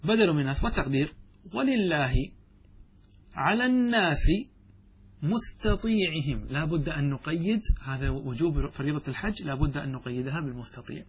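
A man's voice: fairly high pitch, racing, hardly any pauses, darkish tone, slight background noise. A man teaching a lesson on Arabic grammar, reading the text aloud and explaining it step by step, often putting questions to the class and answering them himself.

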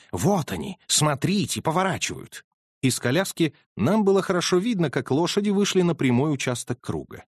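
A man narrating a story in a scripted reading, his pitch moving a great deal from phrase to phrase. The sound is close and dry, with no echo around him. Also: darkish tone. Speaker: audiobook narrator.

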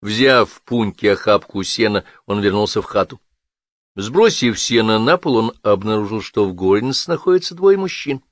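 A man with a fairly low voice reads a story in a measured, steady way. The recording is close and dry, with no room sound around him. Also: no echo. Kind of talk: scripted narration.

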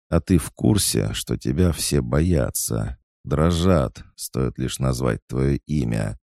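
Guy doing a creepy mocking kid brother, gravelly, slow and sneery. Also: rumbling low, mellow, dry recording, clean studio sound, pitched above the performer's own voice, heavily acted. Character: creepy taunting boy, a dream-haunting brother.

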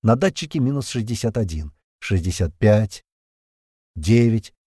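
A male narrator reads a tense first-person story with a low, animated voice. The recording is dry and close, with no room sound. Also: measured pace, breathy edge, no room sound. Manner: lively, tense storytelling with swearing.

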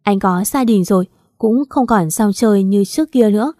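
A woman's voice: medium pitch, moderate pace, dark tone, dry recording, clean studio sound, close to an everyday voice. Female reader as a stern young police officer husband; firm, scolding.

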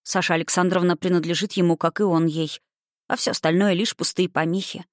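A reader narrating a historical romance audiobook in a measured, expressive way. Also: mid-range voice, no echo, clean studio sound.

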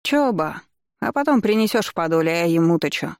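A woman's voice: lowish voice, animated, a little fast, dry recording, clean studio sound. A woman voicing a blunt, outspoken old village grandmother who scolds and grumbles. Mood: scolding.

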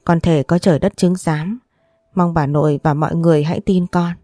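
A tearful young daughter-in-law , read by a woman narrator begs to be believed, her voice low and mellow. The dry, close sound of a storybook reading. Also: steady tone, brisk, no echo, soft background music, close to an everyday voice. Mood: pleading. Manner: pleading.

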